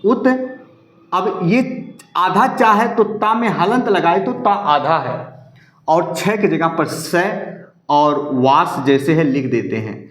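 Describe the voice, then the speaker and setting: High-voiced Hindi grammar teacher, echoey room. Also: male voice, lively intonation, slow, fairly bright tone. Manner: repeats and drills rules, addresses viewers as students. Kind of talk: exam-prep grammar lesson.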